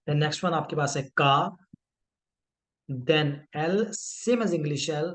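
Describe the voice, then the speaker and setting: A man teaching a language lesson, mixing Hindi and English and repeating each sound slowly for learners. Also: fairly high pitch, fairly bright tone. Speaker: French teacher.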